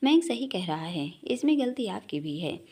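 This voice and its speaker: A steady young woman who calms a friend and speaks her mind firmly, voiced by a woman storyteller. The tone is soothing and lively in pitch. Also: moderate pace, husky. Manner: firm, soothing.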